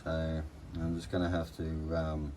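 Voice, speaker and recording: A man's voice: very deep voice, completely flat delivery, a little slow, a little mellow, slight background noise. A man with a broad Australian accent giving laconic, slangy, off-the-cuff commentary in a casual workshop vlog. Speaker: hobby car restorer presenting progress videos.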